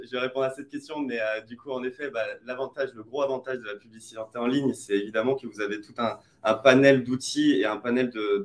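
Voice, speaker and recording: A man, an advertising expert, explaining online advertising in a webinar, hesitant with many fillers and restarts. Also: medium pitch. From France.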